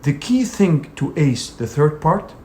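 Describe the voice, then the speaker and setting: Emphatic male exam coach, slightly high voice. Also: sing-song, a little slow, a little mellow, slight background noise. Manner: emphatic, direct coaching with many "you know" fillers. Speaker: English exam teacher. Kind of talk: instructional video lesson.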